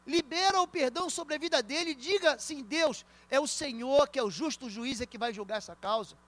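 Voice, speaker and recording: A Brazilian-accented male pastor with a strikingly high voice delivers a church sermon. He preaches emphatically, swinging from hushed asides to loud declarations. He tells stories and addresses the congregation directly. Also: fairly quick.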